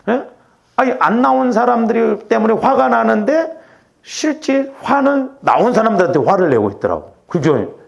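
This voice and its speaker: Gravelly lively male pastor preaching. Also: sits high, muffled recording. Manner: conversational preaching with rhetorical checks. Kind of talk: sermon.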